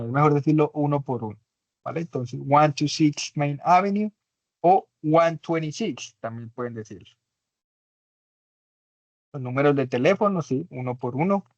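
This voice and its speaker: A man's voice: on the high side, no echo, muffled recording. A man teaching an English class in Spanish, his first language, patiently explaining and checking understanding with tag questions. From Latin America.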